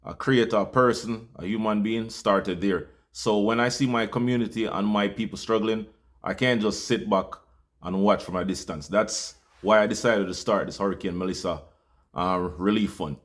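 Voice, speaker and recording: Jamaican male host, low-pitched, earnest appeal, casual with fillers. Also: moderate pace. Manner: heartfelt, loose with fillers. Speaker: channel host.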